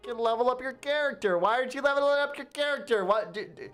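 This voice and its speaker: A nagging man, as a man mimics him, pushes and pushes in a shrill, high voice. He repeats himself insistently. He sounds pestering rather than angry. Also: animated, fast talker, fairly bright tone, soft background music. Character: nagging man demanding a level-up.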